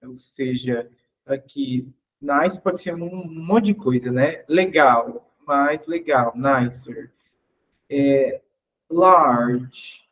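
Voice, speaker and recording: Slow, patient male English teacher. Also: medium pitch, lo-fi sound. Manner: patient, asks the class questions, repeats each example. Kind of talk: explaining grammar in an online class.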